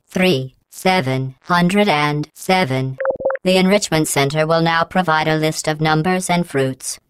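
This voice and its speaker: For video game voice clips, a woman plays a cold, sarcastic female AI computer in charge of a test facility. Her deep voice, captured in a dry recording, is smooth, clipped, and synthetic-sounding, a deadpan laced with passive-aggressive menace.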